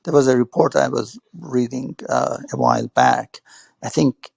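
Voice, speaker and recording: A man's voice: mid-range voice, huge pitch swings, moderate pace, vocal fry, darkish tone, husky, dry recording. A man speaking in an online audio chat room, hesitant, repeating words and saying "you know" often. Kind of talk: casual spoken remarks.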